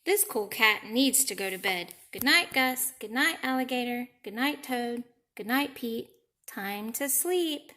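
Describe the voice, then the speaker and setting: A woman voicing a cool, laid-back cartoon cat in a children's picture book, with slow singsong bedtime phrasing. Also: fairly high pitch, expressive, sharp tone. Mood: weary, insistent.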